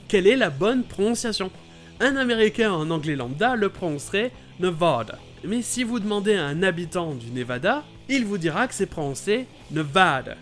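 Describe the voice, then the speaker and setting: A man hosting a playful scripted explainer about English vowel sounds, talking with lively enthusiasm. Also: sits high. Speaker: YouTube host explaining English pronunciation.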